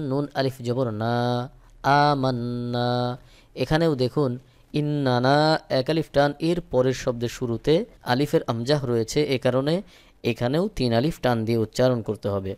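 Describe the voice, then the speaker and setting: A man teaching Quran recitation, who spells out each letter with its vowel mark and then draws the recited word out slowly. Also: mid-range voice, darkish tone. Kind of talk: spelling-out tajweed lesson.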